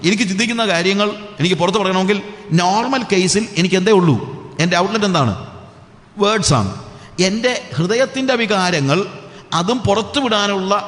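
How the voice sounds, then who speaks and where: A high-voiced male evangelist preaching emphatically and asking rhetorical questions, his voice ringing with a long hall reverb. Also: expressive, a little fast, a bit bright. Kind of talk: sermon.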